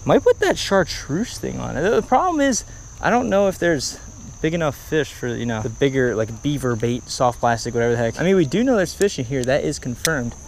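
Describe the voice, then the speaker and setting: A man in his twenties chatting excitedly to viewers on an outdoor fishing vlog, slangy and upbeat, recorded on an action camera by a pond. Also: medium pitch, a little fast, creaky, a little hiss or hum. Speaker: fishing vlogger. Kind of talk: casual outdoor vlog commentary. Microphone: action camera, head-mounted and handheld.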